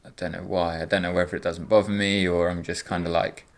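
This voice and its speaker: Young man, lowish pitch, relaxed co-host patter with fillers and laughs. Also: fast talker. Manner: easygoing, laughs often, trailing off with fillers. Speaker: podcast co-host. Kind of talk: casual chat.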